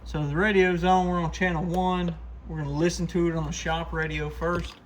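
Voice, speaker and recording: A man with a rather high voice narrates a casual, hands-on demo as host of a repair shop channel. He talks a little fast with a flat delivery, informal and plain-spoken, over clearly noisy shop audio.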